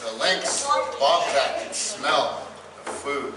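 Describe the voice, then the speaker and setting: A man's voice: mid-range voice, takes it slowly. A man telling a traditional story to children, playful, often checking in with his listeners. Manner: playful, addresses listeners, asks "right?". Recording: echoey room, from far off, noisy.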